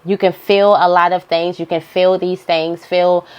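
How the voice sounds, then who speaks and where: A woman's voice: fairly low pitch, little pitch movement, measured pace, clean tone, dull audio. A woman giving an informal, motivational spiritual monologue, repeating phrases for emphasis as she guides listeners. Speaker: spiritual guidance host.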